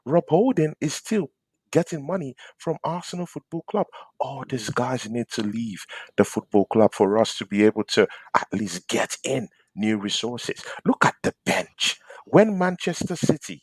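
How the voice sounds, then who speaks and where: A man hosting a fan debate show, ranting passionately about his team and swinging between loud outbursts and quiet asides. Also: medium pitch, slightly rough, no room sound. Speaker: fan channel host. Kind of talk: heated football fan debate.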